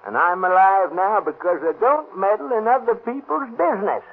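An actor playing a wary old male ex-gold miner in a 1930s radio drama, with folksy Western speech and a husky voice. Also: high voice, normal speed, loud music behind the voice. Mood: recounting. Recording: tinny old radio broadcast.

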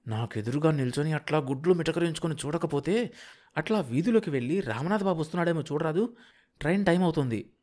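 A man's voice: fairly high pitch, lively intonation, normal speed, pauses often, a little mellow. A man doing a bossy scolding wife. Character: sharp-tongued scheming wife, middle-aged woman.

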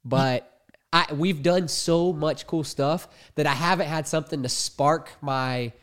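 A man's voice: a little high, measured pace, fairly bright tone. A young man hosting a casual podcast, congested and hesitant, rambling with many fillers. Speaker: podcast host and YouTuber.

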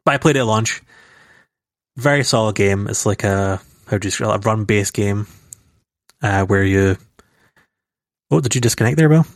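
With a fairly low pitch, moderate pace and frequent pauses, a man co-hosts a laid-back gaming podcast, rambling at length and restarting often amid fillers. It's dry, raw home audio captured on a computer mic during a call.

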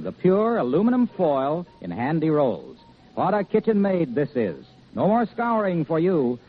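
A man announcing and reading a persuasive commercial in a brisk 1950s radio style, heard from an old broadcast transcription disc. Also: breathy edge, phone-quality sound. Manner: brisk, persuasive sales pitch. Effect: old broadcast disc recording.

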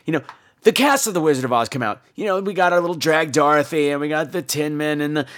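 Speaking fast in a slightly high, somewhat bright voice, this male podcast host spins funny stories from his own life. He performs them campily and theatrically, with plenty of sassy, salty remarks along the way.

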